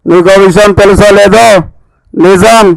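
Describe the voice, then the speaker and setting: Man playing a high-pitched scheming veteran politician. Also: steady tone, measured pace, creaky, smooth, dry recording, low-quality recording. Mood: smug, scheming. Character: cynical, scheming veteran male politician lecturing a junior ally. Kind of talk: satirical street play.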